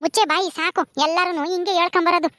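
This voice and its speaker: A woman's voice: very high voice, steady tone, fast talker, pushed and bright. A woman voicing a harsh, suspicious old mother-in-law who scolds and taunts. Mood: taunting.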